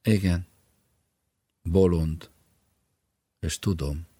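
A cold, contemptuous wife, read by a man in an audiobook. The reading voice stays extremely deep and husky. The sound is dry and close. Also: sing-song, dry recording, full character voice. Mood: scornful.

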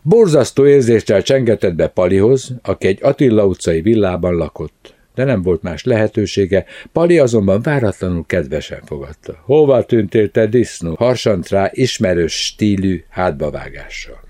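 Man, very low pitch, dark mellow tone, dry close sound, calm audiobook narration. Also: hardly any pauses, no room sound.

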